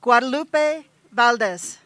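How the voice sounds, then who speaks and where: Lady calling out grad names one by one, slow and careful, voice a bit on the high side. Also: lively intonation, fairly bright tone, no echo. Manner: slow, measured, pausing between each name. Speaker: ceremony announcer. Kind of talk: reading out graduate names.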